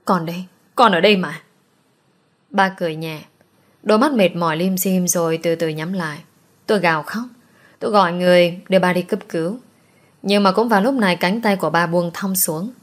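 A woman's voice: lowish voice, fairly quick. A woman narrating a first-person romance audiobook with an emotional, dramatic reading.

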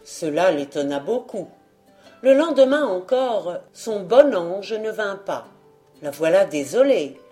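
A woman reading a folktale aloud as an audiobook, slow and measured. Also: mid-range voice, sing-song, soft background music. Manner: slow, measured, dark-toned. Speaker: audiobook reader. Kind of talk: scripted folktale narration.

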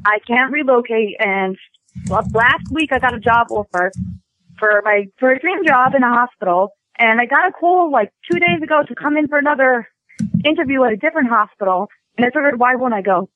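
A woman in her twenties with a Brooklyn accent, chatting excitedly and casually as a phone-in caller. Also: a little high, brisk, no room sound. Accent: Brooklyn, New York. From Brooklyn, New York. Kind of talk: casual chat. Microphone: telephone. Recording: tinny telephone line.

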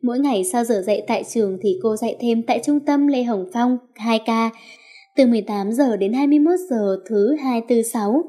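A woman narrating a story in an expressive reading voice. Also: a little high, fairly quick.

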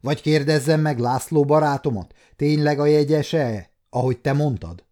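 Bossy sneering noble guy, raised pitch, pushy loud, man doing the voice. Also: natural voice. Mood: domineering. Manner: commanding, sneering. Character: scheming nobleman, domineering and mocking.

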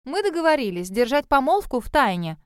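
A woman's voice: sits high, big pitch swings, fairly quick, clean tone, no room sound, clean studio sound, voice pushed up. A woman voicing a spiteful, catty young woman who taunts her rival in a sneering tone. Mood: mocking. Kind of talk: audiobook character voice.

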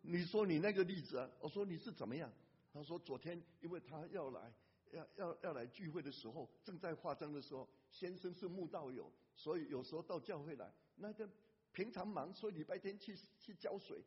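A man pastor preaching a sermon in an animated way, breaking into a hymn at times. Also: on the high side, brisk, breathy edge. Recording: lo-fi church hall reverb.

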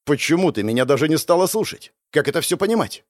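A man voicing an arrogant young male hero who speaks in a flat, dismissive way in an audiobook. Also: on the high side, fast, dry recording, lightly acted. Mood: cold. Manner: monotone, dismissive.

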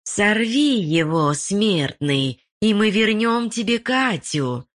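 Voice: mid-range voice, very animated, slow, fairly bright tone, pitched above the performer's own voice. A narrator voicing a chorus of malicious female forest spirits, hissing and gloating, in an audiobook. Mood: whispering, greedy. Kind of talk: audiobook voice acting.

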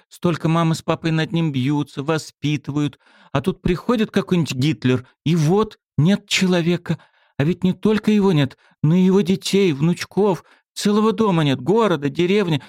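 A man voicing a shy, excitable teenage girl who talks in eager, confiding bursts. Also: sits high, normal speed, dry recording, studio quality, voice pushed up.

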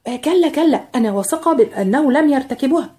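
A woman voicing an anxious, earnest young maid, speaking high and urgently. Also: animated, quick pace, mellow.

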